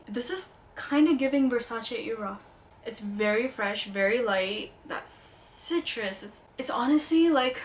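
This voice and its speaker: In a voice on the high side, with a little hiss or hum, a young woman with a light Indian accent chats about perfumes. The casual product review vlog finds this beauty vlogger playful and full of enthusiasm.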